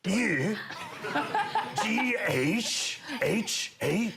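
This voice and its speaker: Man doing an impression of an elderly naturalist, gravelly. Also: high voice, animated, very slow, full character voice. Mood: spirited. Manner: impression voice, spelling letter by letter. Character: elderly male naturalist narrator fleeing danger, spirited. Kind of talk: comic impression on a panel show. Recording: studio audience noise.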